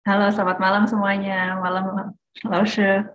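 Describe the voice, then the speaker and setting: A woman's voice: medium pitch, little pitch movement, a little slow, a little hiss or hum. Woman, co-host, video call, glitching broken-up connection, dull lo-fi sound, friendly greeting. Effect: voice cutting out and glitching over a bad internet connection. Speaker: co-host opening an online talk. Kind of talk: casual online talk. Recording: dull lo-fi online call audio.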